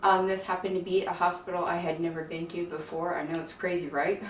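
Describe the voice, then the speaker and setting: A woman chatting casually to her viewers in a weary, folksy, rambling way, her speech softened by missing teeth, lips over gums. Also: on the low side, a little fast. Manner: chatty, weary, folksy slang, frequent laughs. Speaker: video creator with own channel. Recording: roomy, distant mic, faint noise.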